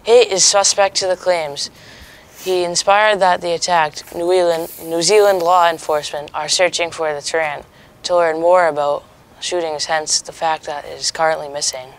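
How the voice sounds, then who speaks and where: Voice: medium pitch, steady tone, normal speed, clean tone, poor audio. A young adult reading scripted news as co-anchor of a student mock newscast.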